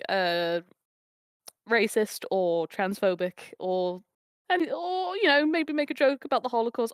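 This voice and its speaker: High-voiced giggly woman. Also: no room sound. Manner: giggly, teasing, heavy swearing. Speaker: backseat gamer co-host. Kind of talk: casual stream chat with viewers.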